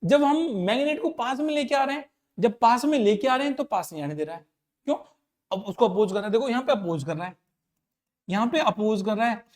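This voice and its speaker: A male physics teacher giving an explanatory lecture. He repeats key points and checks understanding with quick questions. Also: very high voice, animated.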